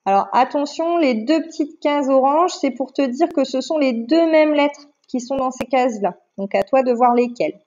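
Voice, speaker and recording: Woman, teacher, patient and slow, clear dictation, slightly high voice, dull recording. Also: a little mellow. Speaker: primary school teacher. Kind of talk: online lesson narration. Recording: dull lo-fi sound.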